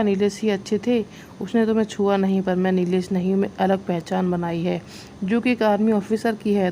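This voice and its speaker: A woman voicing a young man, an army officer who is a quick-tempered, sulky lover, in a read-aloud story. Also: medium pitch, warm tone, a little hiss or hum, close to an everyday voice.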